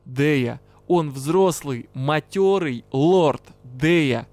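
A brash male dark elf with a gruff, no-nonsense way of talking, as a male narrator puts him on. He sits a little higher than the usual male voice and sounds close and dry, with faint music underneath. An audiobook character who teases and scolds in the same breath. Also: lively intonation, measured pace, no echo. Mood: scolding. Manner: gruff, teasing, bluntly scolding.

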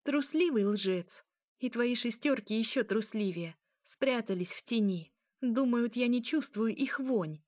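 Brief: a woman playing a young vampire princess, high and proud, vengeful, dry close read. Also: expressive, a little slow, darkish tone, dry recording. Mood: furious. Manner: fierce, pleading, bitter. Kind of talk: audiobook character reading.

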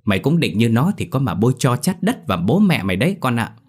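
A man voicing a sharp-tongued village mother who nags her daughter in a shrill, scolding tirade. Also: very animated, fast talker, slightly rough.

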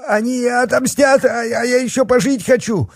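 A man's voice: mid-range voice, big pitch swings, moderate pace, vocal fry, dark tone, slightly rough, no room sound, studio quality, exaggerated voice. A man voicing a cowardly fat male policeman, stammering and squealing in panic. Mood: panicked. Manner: panicky pleading, stutters.

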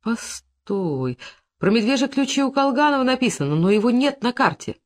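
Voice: mid-range voice, big pitch swings, normal speed, pitched above the performer's own voice, lightly acted. A reader doing a wry, probing investigator. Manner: probing, mildly mocking. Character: brisk, wry male police investigator.

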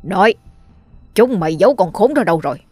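A woman's voice: fairly low pitch, a little fast, no echo, faint music behind, lightly acted. A woman voicing a cruel, furious old male village official who barks orders. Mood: screaming. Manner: shouting, barking orders.

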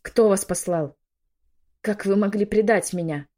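A woman's voice: medium pitch, measured pace, a little mellow, close to an everyday voice. A woman voicing a young noblewoman in labor who has been poisoned, crying out in pain and anger. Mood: pained, furious.

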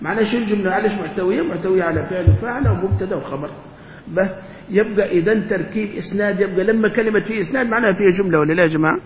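High-voiced sheikh lecturing in echoey hall. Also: male voice, rapid-fire. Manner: asks the class questions and answers them himself. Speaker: sheikh teaching grammar. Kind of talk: classroom lecture. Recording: echoey hall, dull lo-fi sound, faint hum.

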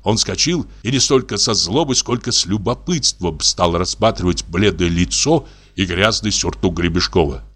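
A man reading a classic story as narration in a measured, expressive way. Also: deep voice. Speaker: audiobook reader. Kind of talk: scripted literary narration.

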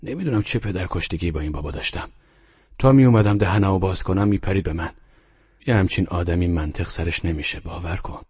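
A man's voice: low-pitched, darkish tone, husky, dull audio. A man voicing a bitter, exasperated husband. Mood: bitter ranting. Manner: bitter, exasperated, rising outbursts. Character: agitated middle-aged man ranting about his wife.

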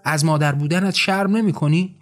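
Man doing a kind old woman in a story, firm and reproachful, slightly high voice. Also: faint music behind, close to an everyday voice.

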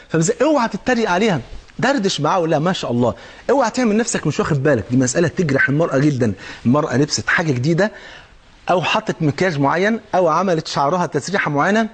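A man with an Egyptian accent giving a colloquial sermon on marriage, lively and acting out little exchanges between husband and wife. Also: fairly high pitch, husky. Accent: Egyptian Arabic. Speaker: preacher.

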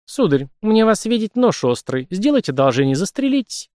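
A man voicing a haughty, sharp-tongued young noblewoman in a storybook reading. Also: high voice, sing-song, brisk, no room sound, studio quality, voice pushed up. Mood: scornful. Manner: mocking, disdainful.

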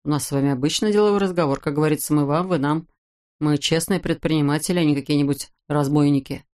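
An audiobook reader voicing a smooth-talking, mock-polite con man. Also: medium pitch, quick pace, a little mellow, pitched below the performer's own voice, close to an everyday voice. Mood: mock reproach. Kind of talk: audiobook character voice.

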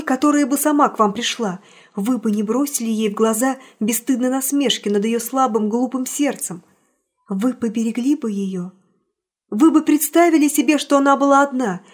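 Audiobook: heartbroken young girl, read by a woman, tearful pleading, husky and high-ish. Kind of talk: audiobook character reading.

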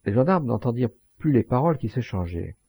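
A man narrating a literary audiobook in a measured, expressive storytelling manner, with a gravelly voice. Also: mid-range voice, no echo.

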